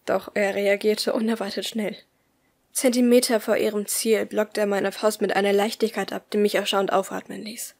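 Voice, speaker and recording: A woman reading a first-person audiobook aloud in a soft, often hushed voice. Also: mid-range voice, little pitch movement, normal speed. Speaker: audiobook reader.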